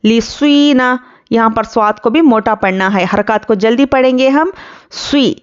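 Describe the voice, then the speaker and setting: A woman teaches Quran recitation in a patient, step-by-step way, breaking off to recite each phrase slowly and drawn out. Her voice sits fairly high and sounds smooth and clear. The recording is dull and lo-fi. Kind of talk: tajweed lesson, explaining rules word by word.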